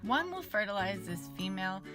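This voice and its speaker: A young adult woman presenting casual educational science outdoors in a bright, curious, enthusiastic and chatty manner. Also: medium pitch, big pitch swings, fairly quick, over music. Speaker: science show host. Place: outdoors in a backyard.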